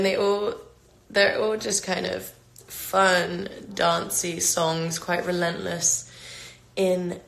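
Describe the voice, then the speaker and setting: Her voice is on the low side and gravelly. She is a singer in her twenties with a London accent, casually taking fans' questions on a phone livestream in an echoey room, rambling with lots of fillers and restarts.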